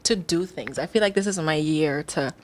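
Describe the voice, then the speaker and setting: A woman's voice: low-pitched, moderate pace. Giggly woman radio co-host. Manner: chatty, giggly, self-deprecating. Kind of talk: casual radio chat. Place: radio studio. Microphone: studio microphone.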